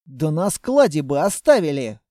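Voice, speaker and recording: Excitable sniper, proud of his gun, pitched up high, indignant bursts as a narrator voices him. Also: moderate pace, no room sound, clean studio sound. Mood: eager. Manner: indignant, eager.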